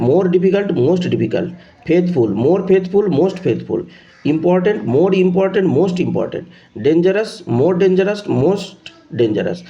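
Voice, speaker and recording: Gravelly-voiced man teaching grammar. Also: fairly high pitch, muffled recording. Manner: drills word lists in a steady chant, rising on each rule. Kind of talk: online grammar lesson.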